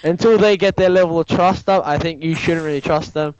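A man's voice: a little high, steady tone, brisk, dull audio. A young man chatting casually on a podcast, rambling and cutting in with "look, look" to take the floor. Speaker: podcast co-host. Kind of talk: casual chat.

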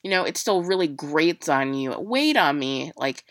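A young woman talks through a personal story in a loose, halting way, leaning on fillers and restarts. Her voice is bright and a little low-pitched, and the sound is dry and close. Emotion sits just under the surface as she speaks. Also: lively intonation, no echo. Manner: casual, halting, many fillers. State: emotional, near tears.

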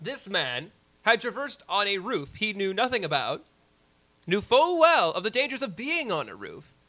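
A man's voice: high voice, wildly swooping pitch, moderate pace, pushed and bright, exaggerated voice. A man playing a wordy, persistent courtroom lawyer who argues formally and stumbles through his case in an improvised mock trial. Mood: argumentative.

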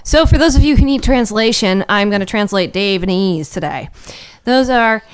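A woman co-hosting a podcast, chatting in an animated, teasing way. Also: medium pitch, normal speed, smooth. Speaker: podcast co-host. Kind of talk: casual chat.

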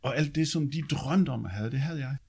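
Speaking in a deep bass with a darkish, slightly rough quality, a man shares his life story in an easygoing, talkative manner, now and then swearing and adding brief check-ins to his lines.

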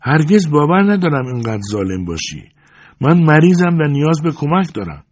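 A man's voice: fairly high pitch, sing-song, darkish tone, voice pushed up. A man voicing a distressed young woman who pleads at a hermit's door in a raised, plaintive voice.

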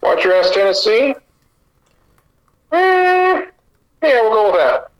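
A man's voice: high voice, sing-song, slow pace, poor audio. A man co-hosting a sports podcast, giving opinionated takes in long runs of casual chat. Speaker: podcast co-host.

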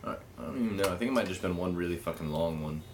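A man's voice: deep voice, racing, background noise. A young man rambling laid-back stories on a podcast, swearing casually as he goes. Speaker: podcast co-host. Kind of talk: casual crude podcast banter.

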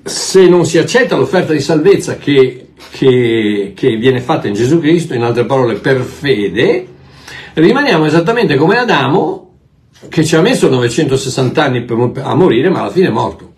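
A man preaching a sermon, emphatic and animated, often repeating words as he searches for them. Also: medium pitch, normal speed. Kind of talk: sermon teaching.

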